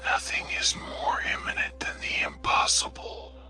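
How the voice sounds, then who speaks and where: Hushed, slow ASMR whisper from a man. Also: over music. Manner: slow, deliberate delivery of short sayings. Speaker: narrator reading quotations.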